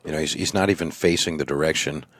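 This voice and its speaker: A man's voice: rumbling low, fast, a bit bright, no echo. A man co-commentating a pool match with an enthusiastic, agreeable manner. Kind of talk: live sports commentary.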